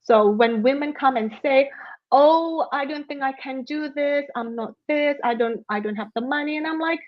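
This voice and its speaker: A woman's voice: high-pitched, moderate pace, lo-fi sound. A woman from Malaysia, a guest author telling a personal story in a conversational interview, with many fillers.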